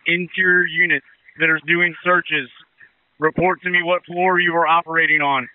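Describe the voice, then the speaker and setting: A male fire incident commander issues urgent, clipped orders over two-way radio. The voice is clean and a bit high, dry, squeezed into a narrow radio band. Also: level tone, normal speed, clear, resonant tone, no room sound. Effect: two-way radio transmission. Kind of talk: emergency radio traffic, giving orders.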